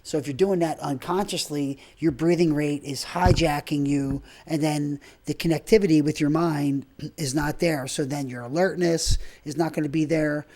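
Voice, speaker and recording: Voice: medium pitch, steady tone, normal speed, a little mellow. A breathwork and movement trainer giving informal, rambling spoken instruction while demonstrating.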